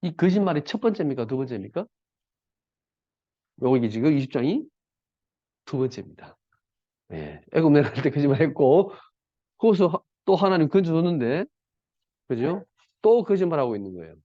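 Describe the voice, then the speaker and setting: A man's voice: fairly high pitch, big pitch swings, normal speed, pauses often, dark tone, dry recording. A male pastor preaching a sermon in a conversational, colloquial way, often asking the congregation rhetorical questions. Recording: dull lo-fi, dry.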